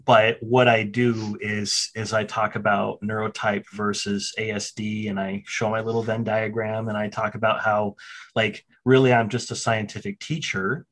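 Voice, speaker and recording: A man's voice: on the low side, moderate pace. A man who works as a special education teacher, talking casually and animatedly, often restarting his words and joking. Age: adult. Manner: animated, self-interrupting, repeats words, jokes. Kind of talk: casual podcast conversation.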